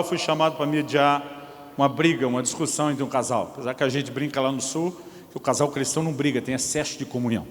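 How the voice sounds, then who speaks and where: A man, preaching a sermon and telling a story with acted quotes and jokes, in an echoey church. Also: fairly high pitch. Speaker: pastor.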